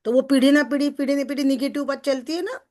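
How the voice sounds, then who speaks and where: A woman success coach explaining a text to a group in a chatty way, often asking listeners for agreement and slowing down to read passages aloud. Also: sits high, steady tone, dark tone. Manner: chatty, asks listeners for agreement with tag questions; slows down when reading passages aloud.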